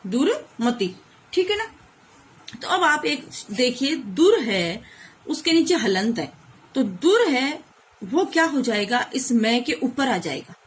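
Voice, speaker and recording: A woman schoolteacher giving an online grammar lesson to children. She explains slowly and patiently, step by step, often asking checking questions. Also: fairly high pitch, slight background noise.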